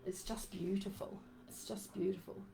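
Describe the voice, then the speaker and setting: A woman with a New Zealand accent hosting a casual live stream from home, rambling warmly with many fillers and lots of "fabulous" and "beautiful". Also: mid-range voice, fairly even intonation, moderate pace, gravelly, soft background music. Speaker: crystal and essential oil live-stream host. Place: home room. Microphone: desk microphone she turns around.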